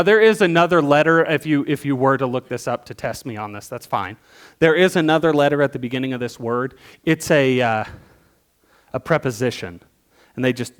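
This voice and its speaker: Preaching as worship leader, a man with a medium-pitched voice teaches in a conversational style. He asks questions and alternates between forceful bursts and quiet asides.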